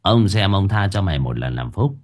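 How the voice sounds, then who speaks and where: A cocky old exorcist, voiced by a male narrator, low and husky but bouncing through wide, lively swings of pitch. He brags and threatens in a crude, swaggering way, a rough storybook rascal. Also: normal speed, heavily acted. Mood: cocky bragging.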